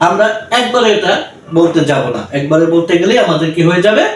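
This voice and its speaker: A man with a Bangladeshi accent teaching English pronunciation, slowly and patiently spelling out each syllable and repeating it. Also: high voice, lively intonation, slight background noise. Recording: echoey room, voice from a distance.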